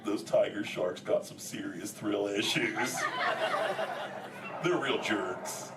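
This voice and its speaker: A man's voice: fairly low pitch, takes it slowly. A man voicing a laid-back male green sea turtle who talks like a surfer and says "dude" constantly, joking with a live audience. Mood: excited. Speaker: live character performer talking with an audience. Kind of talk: improvised live audience interaction. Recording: echoey venue from a distance, audience chatter. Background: audience chatter and crowd noise.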